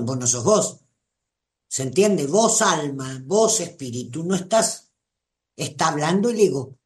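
Speaking at a medium pitch, a host with a Rioplatense accent delivers a gentle, reflective live talk. They respond to listeners by name, much as a spiritual teacher would.

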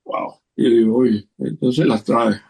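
A man's voice: medium pitch, steady tone, slow pace, gravelly, darkish tone. An older man tells a rambling, anecdotal story in an interview. He often restarts his sentences and acts out bits of dialogue as he goes. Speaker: interview guest. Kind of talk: casual storytelling.

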